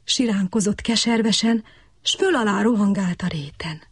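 A woman telling a radio bedtime story to children, expressive and storytelling. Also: medium pitch, slightly rough, no room sound.

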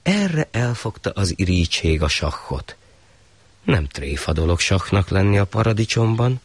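A man reading a folk tale aloud in an expressive storytelling style. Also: low-pitched, no room sound.

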